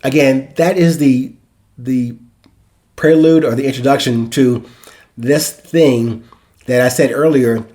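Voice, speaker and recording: Reflecting on his own story, this podcast host in his sixties voices the quoted dialogue himself. He has a mid-range, dark voice with a steady tone, speaking slowly and pausing often.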